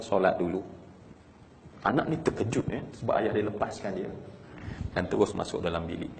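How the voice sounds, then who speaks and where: A man with a Malaysian Malay accent preaching a sermon through a story, swinging from hushed telling to emotional crying out. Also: low voice, gravelly, a little hiss or hum.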